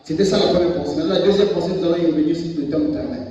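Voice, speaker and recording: A man's voice: a little high, fairly even intonation, rapid-fire, warm tone. A man preaching a sermon, repeating words and quizzing the congregation with questions. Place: church hall. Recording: distant, echoey hall, dull lo-fi.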